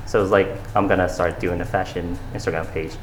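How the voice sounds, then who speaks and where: A young fashion designer from Saudi Arabia, interviewed as a guest, talks fast in a low-pitched voice with fairly even intonation. His answers are casual and earnest, marked by fillers and restarts. The audio is reverberant with a little hiss or hum.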